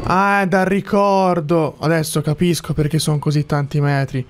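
A man's voice: fairly high pitch, level tone, normal speed. A man giving casual gameplay commentary, sarcastic and half talking to himself. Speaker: gaming video host. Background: game music.

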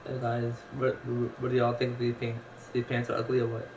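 A man's voice: medium pitch, monotone, fairly quick, a little mellow, slight background noise, low-quality recording. A man casually commenting on his gameplay, mumbling to himself as he browses items. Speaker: streamer playing a video game.

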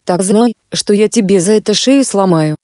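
A woman narrator puts on a boastful male spirit of a fairy tale who threatens and then pleads. The voice is warm and soft rather than bright. It sits in a dry, close recording. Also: medium pitch, normal speed, dry recording, lightly acted. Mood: menacing.

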